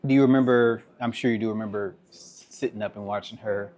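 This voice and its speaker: A man's voice: on the low side, fairly even intonation, fairly quick, a little mellow. A man interviewing casually, with an informal, affirming way of talking.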